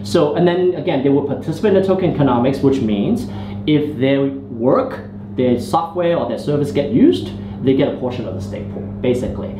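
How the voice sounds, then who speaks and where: A man's voice: medium pitch, expressive, brisk. Man talking in a roomy space. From Hong Kong. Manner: loose phrasing with many fillers and restarts. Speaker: startup founder guest. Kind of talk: casual interview talk. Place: indoor venue in Hong Kong. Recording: roomy, muffled, noisy ambience.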